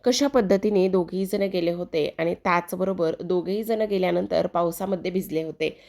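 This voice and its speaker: A woman's voice: lowish voice, normal speed, creaky, darkish tone. A woman narrating a recap of a TV serial episode in a chatty, repetitive storytelling manner.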